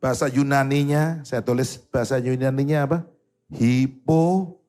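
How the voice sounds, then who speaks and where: A man with an East Javanese accent preaching a sermon, an animated and joking storyteller who slips into Javanese words. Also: mid-range voice, normal speed. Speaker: pastor. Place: church service in a mall event hall.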